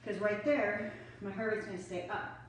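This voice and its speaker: Exercising at home by the stairs, a middle-aged fitness instructor chats her way through workout tips, catching her breath between bursts of effort. She speaks in a mid-range voice at a moderate pace with fairly even intonation. A distant camera picks up an echoey room and a slight hiss or hum.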